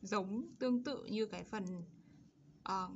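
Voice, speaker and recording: Woman teacher going over english words for kids, stretches them out slow, kinda dull recording with a bit of hiss. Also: mid-range voice. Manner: slows and stresses English words and sounds. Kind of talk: explaining an English lesson for children.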